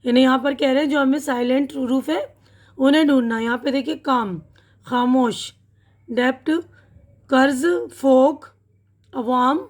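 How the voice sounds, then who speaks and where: High-voiced woman teaching English vocabulary. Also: fairly even intonation. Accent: Pakistani Urdu. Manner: patient, repeats words slowly, checks in with "theek hai na".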